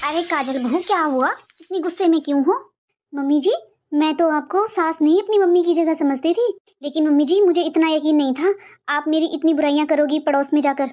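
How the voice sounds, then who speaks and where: Gossipy high-voiced woman in a cartoon skit. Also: normal speed. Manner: gossipy, animated. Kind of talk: comic cartoon voice acting.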